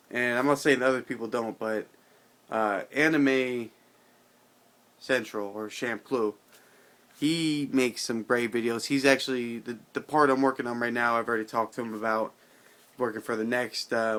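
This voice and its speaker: A man's voice: medium pitch, a bit bright. Drunk, rambling man. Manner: loose, halting, repetitive, slangy with swearing. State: drunk, somewhat intoxicated and tired. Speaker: video channel host. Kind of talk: casual rambling vlog monologue.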